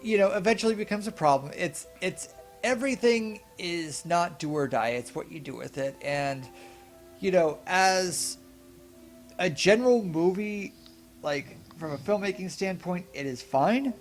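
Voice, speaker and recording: Rambling, higher-voiced man reviewing films. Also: measured pace, faint music behind. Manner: rambling, self-correcting, animated asides. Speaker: podcast co-host. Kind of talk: casual film review chat.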